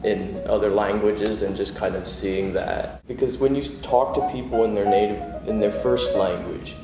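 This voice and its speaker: A man with a fairly low voice speaks thoughtfully in an interview. His voice sounds roomy, and guitar music plays underneath. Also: steady tone, normal speed, far from the mic.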